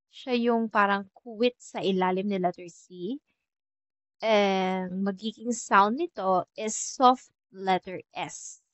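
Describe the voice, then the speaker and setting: A woman from the Philippines giving a casual French lesson, chatty and repeating example words slowly. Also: medium pitch, no echo, low-quality recording. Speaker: French teacher.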